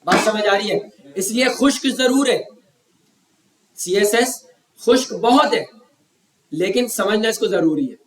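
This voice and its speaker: Hoarse guy from pakistan teaching a class, high voice, keeps asking if they get it, roomy echo. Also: lively intonation, unhurried, pauses often, fairly bright tone, far from the mic. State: sore throat. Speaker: web development instructor. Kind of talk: classroom lecture.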